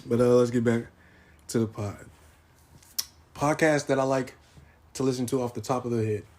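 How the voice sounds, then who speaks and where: A man's voice: mid-range voice, steady tone, moderate pace, a little mellow. A young man hosting his own podcast, ranting in casual profane slang with mock-dramatic grief. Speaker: podcast host. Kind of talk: casual solo podcast rant.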